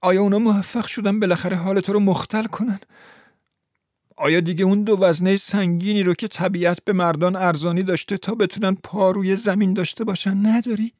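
A man's voice: sits high, fairly even intonation, a little mellow, no room sound, clean studio sound, voice pushed up, natural voice. A man voicing a desperate young woman who pleads with her lover in exclamations, in a dramatized story. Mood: pleading.

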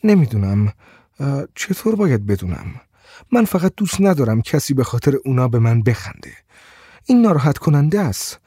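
A man voicing a gentle, shy blind woman who speaks softly and hesitantly, stammering at times. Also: mid-range voice, very animated, husky, dry recording, clean studio sound. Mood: wistful. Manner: soft, hesitant, stammers when upset.

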